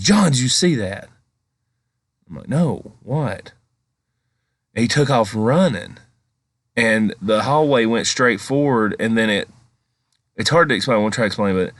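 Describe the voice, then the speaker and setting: A man's voice: fairly low pitch, a bit bright, no room sound. A man giving casual, rambling, conversational commentary as a paranormal vlog host. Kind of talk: casual storytelling commentary over footage.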